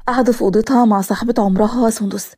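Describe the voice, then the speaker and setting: A woman with an Egyptian accent narrating a cartoon story, moving quickly between scenes. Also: on the high side, fairly even intonation, dark tone, husky.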